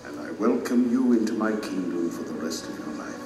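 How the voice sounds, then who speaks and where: A man's voice: deep voice, animated, fairly quick. Majestic king, loving judge, formal and dramatic, sweeping intonation, distant in a reverberant hall over music. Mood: solemn, benevolent. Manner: stately, formal, proclaiming. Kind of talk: dramatic audio drama acting. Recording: cavernous echoing hall, music underneath.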